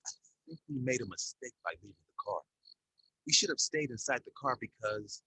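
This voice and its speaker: A man voicing a quick-tempered young driver in a read-aloud horror story, prone to angry outbursts. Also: medium pitch, lively intonation, pushed and bright, husky, dry recording, pitched above the performer's own voice, exaggerated voice, rough recording. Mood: worried.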